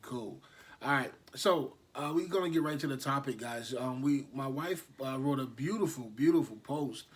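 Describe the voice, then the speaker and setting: Man in his thirties, podcast co-host, easygoing, rambling delivery with fillers, medium pitch. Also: moderate pace, slightly rough. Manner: laid-back, rambling, lots of fillers. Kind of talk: casual chat.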